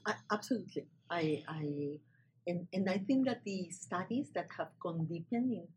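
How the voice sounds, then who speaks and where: A native Spanish-speaking woman with a Latin American accent discusses ideas in halting non-native English with a husky voice, searching for words. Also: lowish voice, a little mellow, slight background noise, low-quality recording. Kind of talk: spoken discussion.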